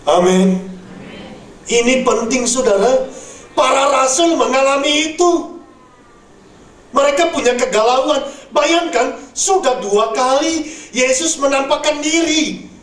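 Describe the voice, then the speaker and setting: High-voiced preacher in an echoey hall. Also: male voice, expressive, takes it slowly, long pauses, fairly bright tone. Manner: addresses listeners as "saudara". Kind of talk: sermon. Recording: echoey room, mic from far off.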